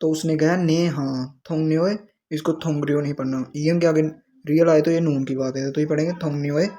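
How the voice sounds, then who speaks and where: A man's voice: a little high, fairly even intonation, brisk, dark tone. A man teaching a language lesson, explaining the dialogue word by word. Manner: explains word by word, with frequent restarts.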